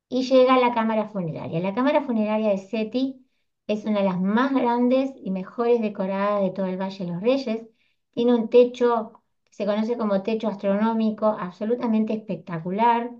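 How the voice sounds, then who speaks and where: A woman's voice: mid-range voice, moderate pace, warm tone, lo-fi sound. A woman giving a history lecture to a class, explaining step by step in a conversational way with frequent tag questions. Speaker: history teacher.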